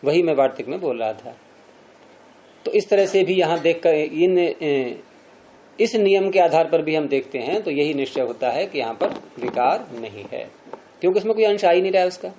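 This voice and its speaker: A man's voice: a little high, animated, normal speed, warm tone, slight background noise. A man teaching a classroom lecture on Sanskrit grammar, explaining step by step and quizzing his students as he goes.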